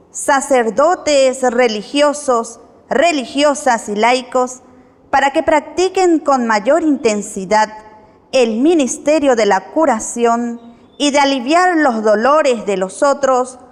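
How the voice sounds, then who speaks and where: A woman's voice: high voice, slow. A woman reading prayer intentions formally at Mass, her voice ringing with a cathedral-like echo. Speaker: reader of the intercessions at Mass. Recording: long church hall reverb.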